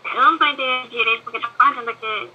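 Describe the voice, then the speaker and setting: A woman's voice: on the high side, steady tone, rapid-fire, muffled recording, very noisy. A young woman, a student speaking up politely in an online class and addressing her teacher formally over a video call.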